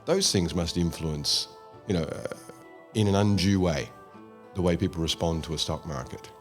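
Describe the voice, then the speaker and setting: A man's voice: low voice, lively intonation, moderate pace, soft background music. A man hosting an interview, asking long rambling questions with anecdotes. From Australia. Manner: rambling, talks through anecdotes. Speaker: host.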